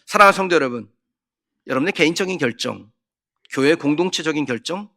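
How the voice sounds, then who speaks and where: A man's voice: fairly high pitch, animated, fast, sharp tone. A man, a pastor, preaching a sermon in earnest, asking rhetorical questions and now and then rising sharply for emphasis. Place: church sanctuary.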